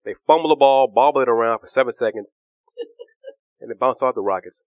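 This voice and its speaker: A man hosting a casual sports podcast, hoarse with a cough, talking in a joking, laid-back way. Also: medium pitch, fairly quick, no room sound, muffled recording. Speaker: podcast host.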